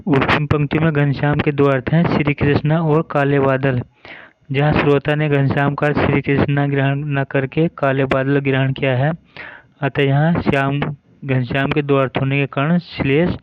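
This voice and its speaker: A man's voice: mid-range voice, level tone, normal speed, highs cut off. A man teaching a Hindi grammar lesson, explaining each term step by step and reading verse examples.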